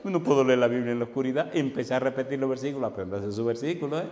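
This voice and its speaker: A man preaching from the pulpit, his voice mellow and of middle pitch as he tells a vivid story and turns to address his listeners directly. The sound rings through a large church with a long echo and a faint hum of ambience behind it. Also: rapid-fire. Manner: dramatic storyteller, speaks directly to the congregation. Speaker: pastor. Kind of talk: sermon with personal storytelling. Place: church hall.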